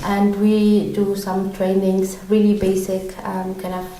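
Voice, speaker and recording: A woman's voice: mid-range voice, completely flat delivery, a little slow, mellow, a little hiss or hum. A woman from Tunisia, a podcast guest, answering in a hesitant conversational way with many ums and restarts. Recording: very echoey room, mic far off.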